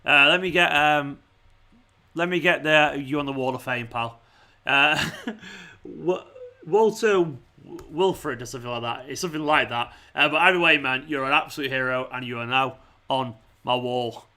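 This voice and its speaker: With his voice beginning to give out, a fan channel host runs a football watchalong stream, chatting matily to viewers and tossing in "man," "mate" and "pal." His voice is mid-range and bright with a forceful tone, at a moderate pace.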